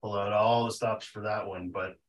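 Lowish-voiced man, distant from the mic. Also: fairly even intonation, normal speed. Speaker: filmmaker, interview guest. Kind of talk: casual conversation. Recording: distant mic, faint background noise.

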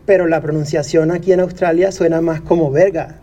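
A young adult man co-hosting a casual podcast, explaining things in a measured way. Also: a little high, steady tone, warm tone. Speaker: podcast co-host.

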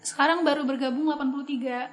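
A young woman with a high voice talks about running her small online bag shop. She answers in an easygoing, reflective way and often stops to think mid-sentence. Her delivery stays casual and unhurried. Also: rough recording. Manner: relaxed, reflective, with frequent thinking pauses.

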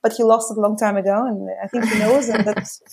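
A woman with a Russian accent speaks quickly at a medium pitch over background noise. She's a podcast guest spinning stories in a casual chat, lively and full of fillers.

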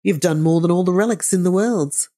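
A woman's voice: lowish voice, a little fast, warm tone, close to an everyday voice. A woman voicing a blunt old freethinking man. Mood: earnest. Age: older. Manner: blunt, declamatory. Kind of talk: audiobook character reading.

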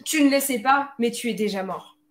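A woman's voice: a little high, normal speed, crowd noise. Chatty woman on a podcast call. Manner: chatty, hesitant with many fillers. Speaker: podcast panelist. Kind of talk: casual online chat. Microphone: home computer mic on a video call.

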